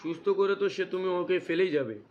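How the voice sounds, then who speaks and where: Audio-drama dad: man playing middle-aged, curt, doubtful, slightly high voice, lo-fi sound. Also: fairly quick, darkish tone, close to an everyday voice. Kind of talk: scripted audio story acting. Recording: muffled, dull audio.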